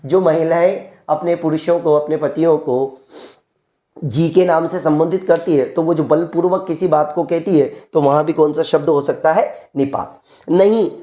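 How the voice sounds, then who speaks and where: A male teacher with a mellow, relaxed tone walks students through an exam-prep grammar lesson. He repeats key phrases patiently and poses questions to the class, then answers them himself. The room around him sounds roomy and echoey. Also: high voice. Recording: roomy echo.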